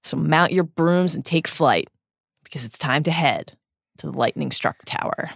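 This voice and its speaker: A woman's voice: low voice, normal speed, gravelly, slight background noise. An American woman hosting a podcast, delivering a scripted intro and recap with playful banter and emphatic, dramatic flair. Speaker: podcast host and editor.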